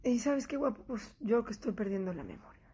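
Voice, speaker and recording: A woman with a Mexican Spanish accent chats to her viewers in a casual vlog. Her voice sits high and she tells her story in an animated, swearing style, slipping into the voices of the people she quotes. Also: fairly quick, husky. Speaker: vlogger.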